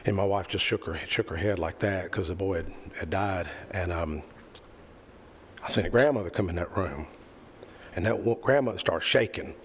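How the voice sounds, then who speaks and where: A man's voice: low voice, normal speed, a little hiss or hum. A middle-aged man giving an earnest, rambling speech at a committee meeting, repeating phrases for emphasis. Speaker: committee member. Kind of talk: impassioned speech at a public meeting. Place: county committee meeting room.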